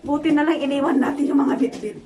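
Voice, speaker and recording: Woman, high voice, chatty, cave echo, loud crowd behind. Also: steady tone, quick pace. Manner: chatty, exclaiming. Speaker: cave visitor filming. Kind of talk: casual chat. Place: inside a show cave.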